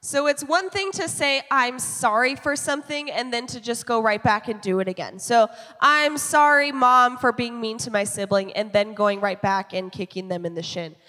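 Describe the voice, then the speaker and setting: A woman's voice: a little high, normal speed, few pauses, pushed and bright, big-room sound. A woman in her twenties, a youth pastor on a panel, explaining in an encouraging way with everyday examples. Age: 20s. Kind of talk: panel Q&A teaching.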